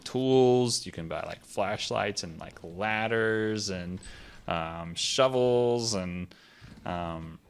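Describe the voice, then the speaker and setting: A man's voice: fairly low pitch, very slow, gravelly, smooth. A man co-hosting a gaming podcast, explaining a game in casual chat, rambling with lots of "like" and "um" and the odd laugh. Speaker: podcast co-host.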